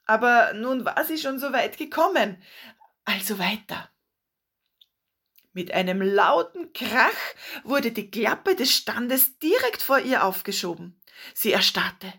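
A woman narrating a children's story in a calm, expressive storybook manner. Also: fairly high pitch, takes it slowly, creaky, slightly rough.

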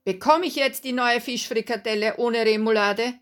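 A woman's voice: a little high, normal speed, lightly acted. A woman voicing an indignant, fussy middle-aged male customer in a read-aloud story. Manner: indignant, insistent.

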